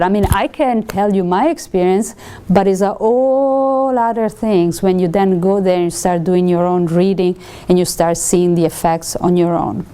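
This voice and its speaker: An Italian woman with a noticeable Italian accent teaches feng shui to students in a relaxed lecture. Her mid-range voice has a dark tone, and she frequently pauses with ums and corrects herself as she goes.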